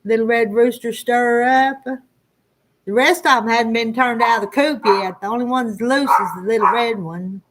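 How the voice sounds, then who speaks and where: The recording is low quality, with a little hiss or hum. On it, a woman in her sixties from the Arkansas Ozarks foothills speaks at a moderate pace in a slightly high, somewhat bright voice with fairly even intonation, hosting a livestream in a casual, folksy, rambling way with a rural Southern Ozark country accent.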